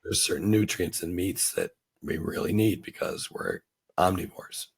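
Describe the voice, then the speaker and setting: A middle-aged man hosts a casual interview over a video call and keeps affirming the guest. His voice is gravelly and very raspy, pitched a little low. He often asks short follow-up questions. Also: big pitch swings, normal speed. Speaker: host, retired doctor.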